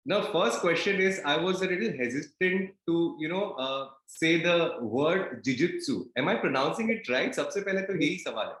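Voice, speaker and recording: A man's voice: fairly high pitch, animated, fast, few pauses, a bit bright, roomy sound, low-quality recording. A man with an Indian accent hosting an interview, politely introducing and questioning his guest. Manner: polite, switches between English and Hindi. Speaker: podcast host.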